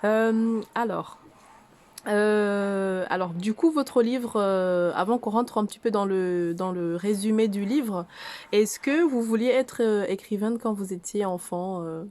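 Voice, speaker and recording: A woman interviewing an author, asking halting questions full of fillers. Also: mid-range voice, darkish tone. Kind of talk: casual interview.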